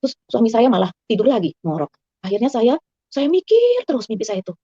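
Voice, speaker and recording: Fast-talking woman telling her story. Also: slightly rough, no echo. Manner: fast, earnest storytelling that rises high and excited. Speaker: guest giving a personal testimony. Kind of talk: emotional spoken testimony. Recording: slightly dull, dry recording.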